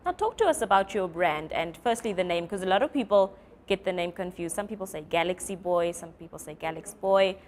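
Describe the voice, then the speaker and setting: A woman's voice: mid-range voice, lively intonation, fast talker, a little hiss or hum. A woman interviewing a designer, asking questions and encouraging him with frequent yeahs. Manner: encouraging, frequent "yeah" backchannels.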